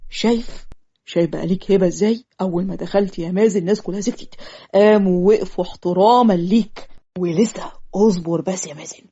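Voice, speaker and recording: Brief: a woman as an earnest cartoon cousin, quick and touchy, muffled lo-fi sound. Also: on the low side, dark tone, husky, pitched below the performer's own voice. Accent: Egyptian. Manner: earnest, easily offended. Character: young man, loyal cousin, touchy. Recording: lo-fi muffled audio.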